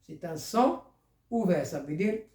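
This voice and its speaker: A teacher talks through a primary school lesson at an unhurried pace, repeating each word so young pupils can follow. The pitch moves lively up and down, and the voice rings in a roomy, echoey space. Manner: repeats words, explains step by step. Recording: echoey room.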